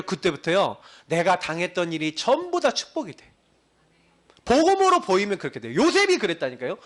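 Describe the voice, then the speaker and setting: A male pastor preaching a sermon to his congregation, swinging between loud emphasis and low, quiet asides.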